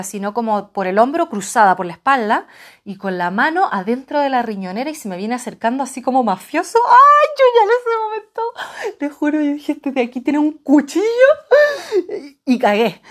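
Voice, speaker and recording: A woman from Chile with a Chilean accent, telling a personal travel story dramatically, jumping between loud outbursts and hushed asides. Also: a little high. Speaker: travel vlogger.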